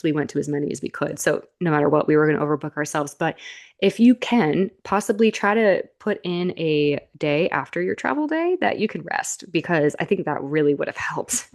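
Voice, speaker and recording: A young adult woman guest on an interview, telling stories in an animated way and acting out what she and others said. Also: sits low, gravelly. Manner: animated storytelling, quoting herself and others. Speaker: podcast guest. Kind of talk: casual interview chat.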